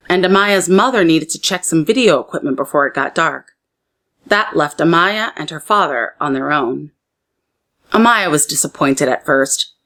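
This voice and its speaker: A woman's lowish voice carries a children's story read aloud, with expressive, deliberate phrasing meant for young listeners.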